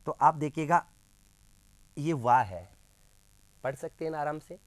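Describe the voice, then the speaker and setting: A male teacher leading a grammar lesson in a classroom. He keeps quizzing his students and slowly repeats sounds for them. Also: fairly high pitch, no echo.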